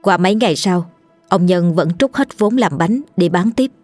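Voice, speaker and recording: A woman narrating a scripted horror story in a steady, measured way. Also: lowish voice, no room sound. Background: faint music.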